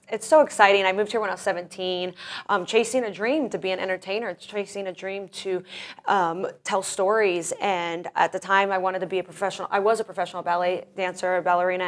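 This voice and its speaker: An enthusiastic woman in her thirties talks through a casual interview. Her voice sits a little low for a woman. She rambles, circles back and restarts her sentences often. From grew up in Russia, born in Florida. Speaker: guest, professional wrestler.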